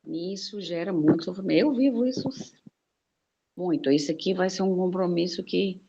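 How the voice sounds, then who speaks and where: Low, mellow woman speaking hesitantly. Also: moderate pace, gravelly, husky. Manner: hesitant, frequent "né?" tags. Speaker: discussion group participant. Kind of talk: casual group discussion. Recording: dull lo-fi sound.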